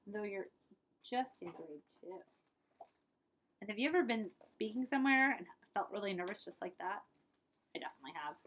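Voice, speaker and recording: In a poor-quality recording, a woman with a high-pitched voice reads a children's picture book aloud as a librarian would. She gives the story dramatic emphasis and drops in friendly asides.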